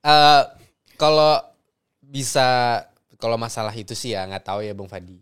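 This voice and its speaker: Young male guest, mid-pitched, laughs a lot, repeats and fumbles his words. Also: moderate pace, a bit bright, clear, resonant tone. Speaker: guest actor. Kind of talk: casual chat.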